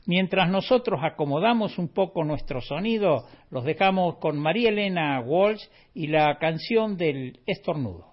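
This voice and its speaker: A man's voice: on the high side, animated, normal speed, few pauses. A man hosting a radio show in a casual, wry way, often tagging his remarks with questions. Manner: chatty, wry, with frequent tag questions. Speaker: radio host. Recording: dull lo-fi radio feed.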